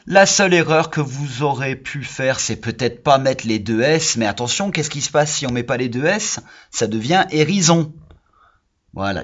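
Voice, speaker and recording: A man teaching young children in a recorded lesson, patient and encouraging, stretching out the key words slowly. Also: on the high side, darkish tone, slightly rough, lo-fi sound. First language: French. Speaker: primary school teacher.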